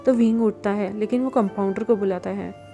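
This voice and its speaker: A woman's voice: medium pitch, fairly even intonation, moderate pace, dark tone, soft background music. A woman retelling a story in a chatty, casual way, talking to her listeners.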